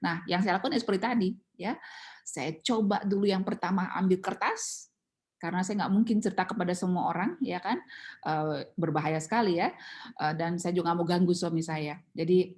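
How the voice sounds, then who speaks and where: A woman's voice: lowish voice, fairly quick. A middle-aged woman giving a Bible study talk, telling a personal story with many fillers and acting out her tearful prayers. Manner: animated storytelling, acts out crying and pleading; many fillers and self-corrections. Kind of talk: sermon with personal testimony.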